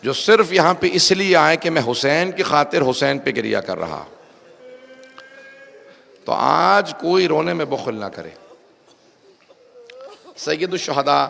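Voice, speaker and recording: A male preacher with a Pakistani Urdu accent and a gravelly, fairly high voice. He tells the story dramatically, moving between hushed speech and loud cries. The long reverb of a large hall is heard behind him, with faint ambient noise. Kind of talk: Shia majlis sermon.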